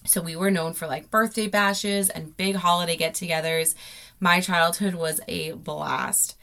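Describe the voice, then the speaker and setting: A woman's voice: fairly low pitch, fairly even intonation, a little slow, fairly bright tone. An American woman podcasting from inside a closet, telling personal stories in a casual, gushing, informal way. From South Florida, United States. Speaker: podcast host. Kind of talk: casual, chatty personal storytelling.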